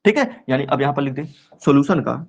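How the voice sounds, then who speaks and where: A man teaching a chemistry class online, asking rhetorical questions and answering them himself, repeating key terms slowly. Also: mid-range voice, animated, creaky, breathy edge. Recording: dull lo-fi recording.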